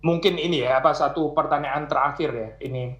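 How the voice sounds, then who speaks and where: A man's voice: fairly high pitch, fairly quick, a bit bright. Man, pastor, audience Q&A, conversational, many fillers, echoey room. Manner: conversational, frequent "ya" fillers, explains with examples. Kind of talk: answering audience questions. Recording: roomy echo.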